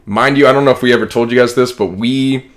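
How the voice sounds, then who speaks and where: Speaking quickly in a medium pitch, a Kansas-born man in his early 20s co-hosts a podcast with an American accent. His casual, reflective chatter wanders loosely and is full of "like."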